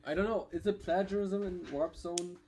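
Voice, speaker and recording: A young man hosting a relaxed online chat, his voice a touch higher than most. He talks in halting starts, often repeating words, and laughs easily. A faint hiss runs under the recording. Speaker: podcast host.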